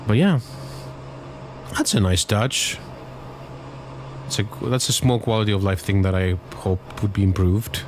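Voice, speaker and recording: A man's voice: on the low side, measured pace, pauses often. A man streaming a racing game, muttering to himself and swearing casually, his voice cracking a little. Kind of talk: casual gameplay commentary. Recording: loud race car engine noise. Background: loud race car game audio.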